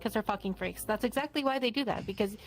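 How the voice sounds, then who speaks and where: A woman's voice: a little high, fast talker. A woman chatting casually in a blunt, emphatic manner, swearing freely. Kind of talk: casual chat. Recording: faint music behind.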